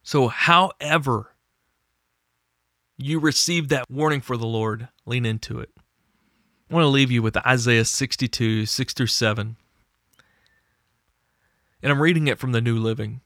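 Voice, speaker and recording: A man's voice: medium pitch, measured pace, pauses often, fairly bright tone, no room sound. Earnest man on a dry close mic. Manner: earnest, conversational, with small restarts. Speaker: podcast host and former pastor. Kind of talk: reflective podcast monologue.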